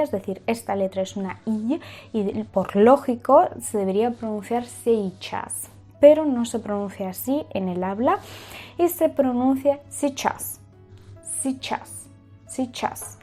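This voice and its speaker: Woman language teacher, slow and mellow, patient drills with repeated words. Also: a little high. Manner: patient, repeats example words many times. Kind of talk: pronunciation lesson.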